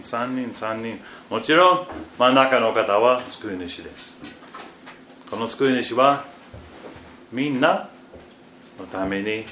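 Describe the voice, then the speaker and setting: Reading scripture in a sermon, this pastor has a lowish voice and speaks slowly and haltingly, repeating fillers and restarting often. Many phrases trail away very softly. There's faint background noise in the echoey room.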